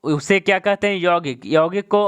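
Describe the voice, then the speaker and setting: A man's voice: high-pitched, normal speed, a bit bright, clean tone. A man teaching an exam-prep grammar lesson, who repeats each point, asks questions and answers them himself, and keeps saying "okay" as a check-in.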